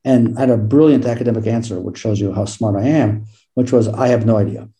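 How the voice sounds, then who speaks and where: A middle-aged American man, an author and law professor, answering interview questions with self-deprecating stories and lively quoted dialogue. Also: on the low side, fairly quick, rough recording. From United States.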